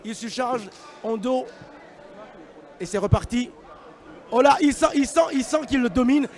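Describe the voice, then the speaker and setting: A man giving live combat sports commentary in an excitable, exclamatory manner. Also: extremely high pitch, measured pace. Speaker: fight commentator.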